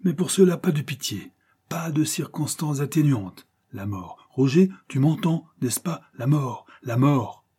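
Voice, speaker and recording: A man voicing an impassioned young male avenger with a husky voice and declamatory delivery. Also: mid-range voice, normal speed, dark tone, natural voice. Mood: indignant. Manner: declamatory, rising to vehement cries. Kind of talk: audiobook character reading.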